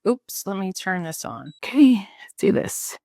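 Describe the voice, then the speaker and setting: A woman's voice: medium pitch, big pitch swings, measured pace, warm tone, no room sound, studio quality. A woman chatting her way through a cooking tutorial at home, laughing at herself as she carefully goes through each measurement. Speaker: home cook showing a recipe. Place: home kitchen.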